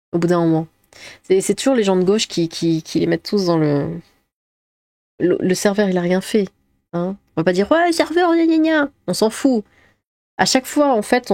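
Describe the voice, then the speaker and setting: Woman streamer, mid-pitched, blunt and rambling live commentary, dry close mic. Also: a little mellow, no room sound. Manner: blunt, opinionated, rambling asides. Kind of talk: live reaction commentary and reading chat.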